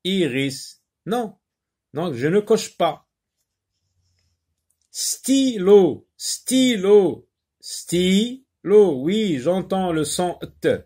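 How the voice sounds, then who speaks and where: A man teaching a phonics lesson to young children, slowly sounding out and repeating syllables, with frequent hesitations and short asides in another language. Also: high-pitched, expressive, darkish tone, husky. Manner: slow, repeats words and syllables, explains in French with short Arabic asides; hesitant, many pauses and fillers.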